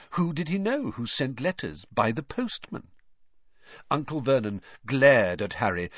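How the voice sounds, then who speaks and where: A man's voice: medium pitch, no echo. A man reading an audiobook in scripted narration, telling the story expressively, in a dull, dry recording.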